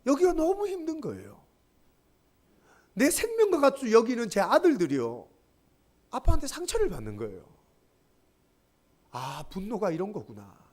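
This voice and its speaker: A middle-aged male pastor preaching to young adults, with a high voice that leaps up and down across a wide range. He leads call-and-response readings and acts out his own stories. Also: huge pitch swings, moderate pace, long pauses, a little mellow. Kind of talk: sermon to a young adults group.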